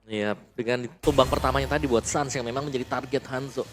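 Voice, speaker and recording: A man's voice: medium pitch, fairly even intonation, fast talker, a little hiss or hum. A man giving chatty, explanatory esports commentary as an analyst caster. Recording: loud music behind the voice. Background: music.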